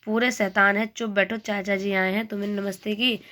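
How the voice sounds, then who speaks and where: A woman teacher reading the lines of a weary, poor middle-aged male clerk, slowly and flatly. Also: medium pitch, close to an everyday voice. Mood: scolding. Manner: slow, flat reading of dialogue.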